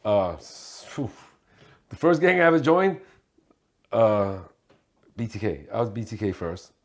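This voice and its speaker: Gravelly streetwise man from Hong Kong. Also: fairly low pitch, very animated, measured pace. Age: 40s. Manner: streetwise, laughs while telling stories. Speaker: guest. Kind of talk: casual interview.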